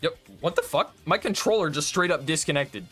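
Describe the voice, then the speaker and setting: A man's voice: fairly high pitch, animated, fairly quick, fairly bright tone, husky, soft background music. A man chatting casually and rambling to his viewers while streaming a game, swearing and laughing often. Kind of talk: casual gaming stream chat.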